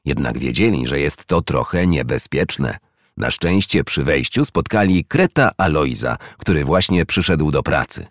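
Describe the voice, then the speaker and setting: Deep-voiced man reading a storybook. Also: animated, a little slow, dry recording, clean studio sound. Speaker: narrator. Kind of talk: storybook narration.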